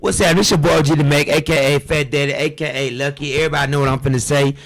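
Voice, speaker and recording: A man hosting a casual couch talk show, playful and joking, full of slang and quick questions. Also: a little high, steady tone, soft background music. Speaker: podcast host. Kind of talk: casual chat.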